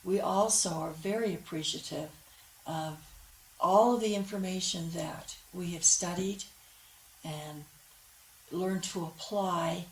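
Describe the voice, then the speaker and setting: A woman co-presenting a guided imagery program, speaking in a measured, earnest way. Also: lowish voice, fairly even intonation. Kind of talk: calm measured explanation. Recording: roomy with faint background noise.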